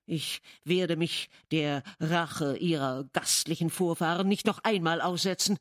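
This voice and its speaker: A woman voicing a nervous, wordy gentleman guest who speaks in an agitated, hurried way. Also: deep voice, fairly even intonation, dry recording, studio quality.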